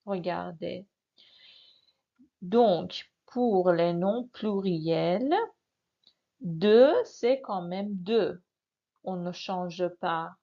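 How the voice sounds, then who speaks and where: Woman teaching real slow, gravelly voice, dull lo-fi sound. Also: lowish voice. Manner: slow, patient, repeats words and asks learners to answer. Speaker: French teacher. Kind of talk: classroom lesson. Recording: dull lo-fi recording.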